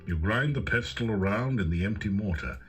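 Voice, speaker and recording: A man's voice: fairly low pitch, expressive, fairly quick, faint music behind, lightly acted. A man giving wry, scripted second-person narration for a video game.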